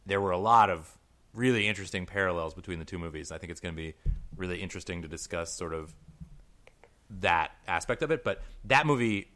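A young man with a mid-range voice talks films in a loose, rambling way. He restarts often and his voice jumps up when he gets excited. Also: sits low, a little fast. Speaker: podcast co-host. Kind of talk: casual chat.

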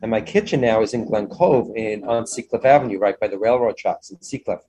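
A man's voice: lowish voice, fairly quick, dark tone, breathy edge. A man speaking as an interview guest about his own business in an enthusiastic, effusive, conversational way.

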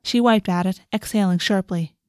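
A woman's voice: medium pitch, normal speed, darkish tone, dry recording, studio quality. A woman reading scripted fantasy fiction as an audiobook narrator.

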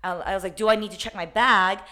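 A woman co-hosting a podcast, telling a story in a lively, casual way, swearing often and acting out what people said. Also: medium pitch, fast. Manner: animated, swears a lot, acts out quoted lines. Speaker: podcast co-host.

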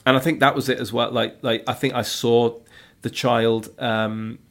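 Guy podcasting, gravelly voice, lots of ums and likes. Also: mid-range voice, level tone, moderate pace, a bit bright. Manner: candid, rambling with many fillers. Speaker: podcast co-host, father of two. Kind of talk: casual podcast chat.

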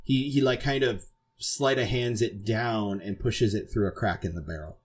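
A man's voice: fairly low pitch, moderate pace, husky. A man narrating as game master for a tabletop game in a casual, chatty way. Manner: casual, laughing, filler-heavy narration.

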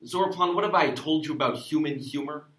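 An actor playing an exasperated, self-important sheriff who narrates a comic noir detective story. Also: male voice, a little high, brisk, a bit bright, lightly acted. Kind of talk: comic hard-boiled noir narration and dialogue. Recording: roomy echo.

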